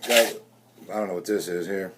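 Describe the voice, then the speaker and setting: A man's voice: low voice, normal speed, very noisy. A man rambling folksily through a casual bushcraft workshop vlog. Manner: rambling, folksy, self-correcting. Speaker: bushcraft vlogger.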